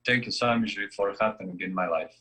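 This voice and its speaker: Bright-voiced man, halting testimony. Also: fairly low pitch, slightly rough, poor audio. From Croatia. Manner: halting, with hesitant fillers. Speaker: devotee giving a testimonial. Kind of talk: prepared personal testimonial.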